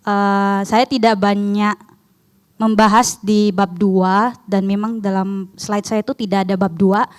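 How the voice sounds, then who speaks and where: This young woman, a non-native speaker of Indonesian from abroad, presents her research casually with a foreign accent and frequently questions her listeners. Her mid-range voice is smooth with little pitch movement, and she speaks a little slowly.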